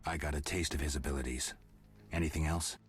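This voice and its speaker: An actor playing a gruff, stoic warrior for hire in a video game, terse and deadpan. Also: male voice, extremely low pitch, fairly quick, faint music behind. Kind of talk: video game dialogue acting.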